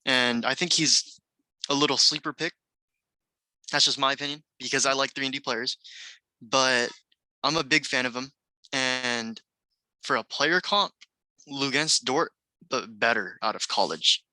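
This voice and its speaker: Bright-voiced man pitching his draft pick. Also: measured pace, pauses often, no room sound, poor audio. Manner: enthusiastic, rattles off scouting points. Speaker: podcast co-host. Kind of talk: casual basketball draft chat.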